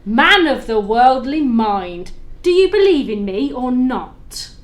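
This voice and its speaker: A woman's voice: high-pitched, big pitch swings, takes it slowly, full character voice. A woman playing the mournful, tormented ghost of a dead business partner, speaking solemnly in an audio play with wailing laments. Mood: stern, challenging. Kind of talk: library audio play acting.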